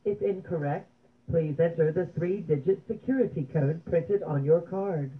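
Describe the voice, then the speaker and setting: A woman's recorded voice reading automated phone menu prompts in an even, measured way. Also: fairly low pitch. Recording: tinny phone line.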